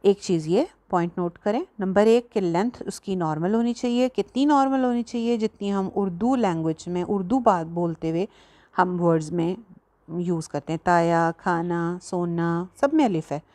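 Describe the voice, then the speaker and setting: A woman teaching a tajweed lesson, patiently explaining and slowly demonstrating each letter sound. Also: mid-range voice, warm tone. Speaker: Quran recitation teacher.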